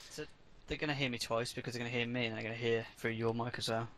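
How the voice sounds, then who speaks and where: A man's voice: level tone, fast talker, fairly bright tone, a little hiss or hum. Brummie man calling esports plays. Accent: Birmingham (Brummie). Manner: narrates plays steadily, lifting in pitch on big kills. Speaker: esports co-commentator. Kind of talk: play-by-play game commentary.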